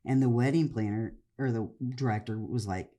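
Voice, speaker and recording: Very deep-voiced woman telling rambling stories. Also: normal speed, dark tone. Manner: rambling storyteller, laughs often. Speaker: podcast co-host, comedian. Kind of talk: casual chat.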